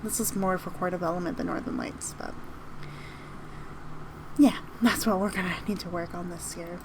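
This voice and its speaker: A woman's voice: lowish voice, fairly even intonation, normal speed, noisy background. A woman hosting a reflective solo podcast from home, talking earnestly and rambling with restarts. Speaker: podcast host and teacher. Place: home room with open window downtown.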